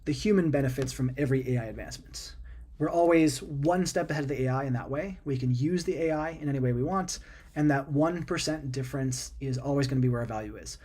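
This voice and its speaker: A man talking casually about software and AI, conversational and full of fillers, repeating words and tossing in animated asides. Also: mid-range voice, fast talker. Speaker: product maker talking about AI and coding. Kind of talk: casual explanatory talk.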